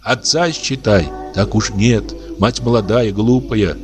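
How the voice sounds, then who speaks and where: A man's voice: lowish voice, takes it slowly, soft background music. A male reader voicing an anxious older peasant woman who coaxes and pleads in an audiobook. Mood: pleading. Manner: fretful, coaxing, pleading.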